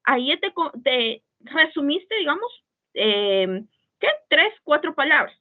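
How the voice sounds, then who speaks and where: A woman's voice: high voice, big pitch swings, a little slow. Patient woman teacher over a tinny call. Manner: patient, checks understanding with frequent "¿sí?". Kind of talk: online writing class. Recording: tinny phone-like call audio.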